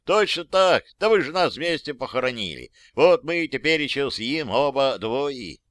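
A man's voice: mid-range voice, sing-song, a little slow, a bit bright, dry recording. A man voicing the ghost of a plain-spoken old-time soldier, rustic and deferential in his speech. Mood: eager, deferential. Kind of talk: audiobook character voice.

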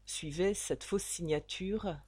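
Lectrice lente à la voix voilée. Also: female voice, fairly low pitch, slow, darkish tone, breathy edge, no echo. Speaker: audiobook narrator. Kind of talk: dramatic novel reading.

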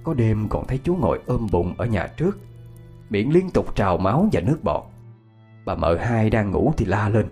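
A man narrates a horror story in a husky voice. His delivery is expressive and full of rise and fall, with soft music underneath. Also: lowish voice, moderate pace. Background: faint music.

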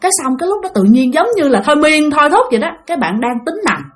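A woman storyteller with a Southern Vietnamese accent, relating a ghost tale in a chatty, direct way. Her voice sits on the high side and moves a lot. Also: big pitch swings, fast talker. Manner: conversational, addresses listeners directly. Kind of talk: spoken ghost-story narration.

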